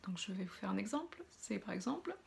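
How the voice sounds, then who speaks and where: Female relaxation coach, mid-pitched, gentle explanatory delivery for a guided breathing exercise. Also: sing-song, fast talker, creaky, noisy background. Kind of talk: guided breathing exercise, spoken directly to viewers.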